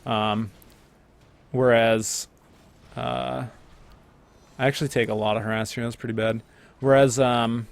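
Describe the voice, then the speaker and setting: A young man with a lowish voice provides casual commentary over his own gameplay footage. He sounds chatty and relaxed, using many fillers and self-corrections.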